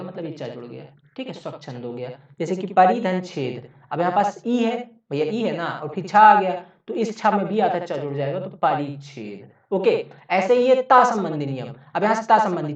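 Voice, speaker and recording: Male exam-prep tutor who drills each point with questions, recorded muffled and distant. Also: high voice. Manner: explains step by step, repeating points as questions to the class. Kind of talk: classroom-style grammar lecture. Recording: very echoey room, voice far from mic, dull lo-fi sound.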